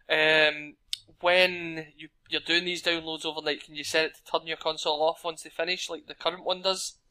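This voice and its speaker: A man's voice: fairly high pitch, sharp tone, clear, resonant tone. A man with a Glaswegian accent chatting casually about gaming as a podcast host. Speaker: podcast host asking questions.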